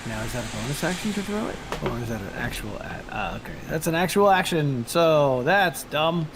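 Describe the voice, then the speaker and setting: A man's voice: medium pitch, fast talker, creaky. A man running a tabletop game as game master, narrating casually and thinking aloud about the rules. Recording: noisy room, steady background noise.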